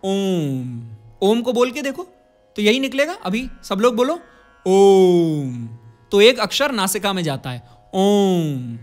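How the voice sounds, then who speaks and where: A man leads a singing lesson in a high, bright voice. He explains each step plainly and chants vowel drills for his students to copy. Soft music plays faintly behind him. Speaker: singing teacher. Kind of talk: vocal lesson.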